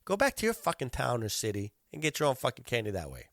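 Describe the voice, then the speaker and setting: Animated, profane middle-aged man. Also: medium pitch, fast talker. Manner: profane, animated storytelling with frequent swearing. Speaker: podcast host. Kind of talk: solo podcast rant.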